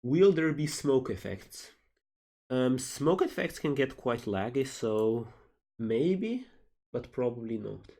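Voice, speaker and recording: A man's voice: medium pitch, expressive, slow pace, mellow. Male game developer, casual livestream Q&A delivery, reading questions and replying. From Slovenia.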